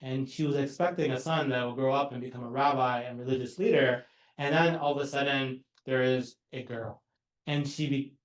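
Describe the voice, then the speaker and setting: A man giving an academic book talk as a lecturer, measured and explanatory, pausing to restart phrases. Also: mid-range voice. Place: university lecture hall. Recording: roomy hall sound.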